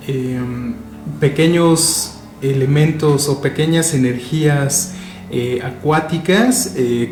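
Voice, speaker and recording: A man with a Mexican accent, chatting on a paranormal talk show, full of fillers and restarts. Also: medium pitch. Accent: Mexican Spanish. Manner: hesitant, many fillers and restarts. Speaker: podcast co-host. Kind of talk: casual panel chat. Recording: echoey room with faint noise.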